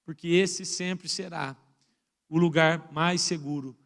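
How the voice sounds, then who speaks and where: A man from Brazil, a pastor preaching a sermon to his congregation in church, moving between loud exclamations and quiet, intimate asides. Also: fairly high pitch, fairly even intonation, slow pace, creaky.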